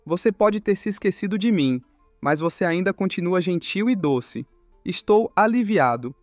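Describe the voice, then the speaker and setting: An impulsive blue-haired young man from a comic recap, as a man reads him, brash but earnest. The voice is fairly high, and the sound is dry and close. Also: lively intonation, moderate pace, no room sound, faint music behind. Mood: tender.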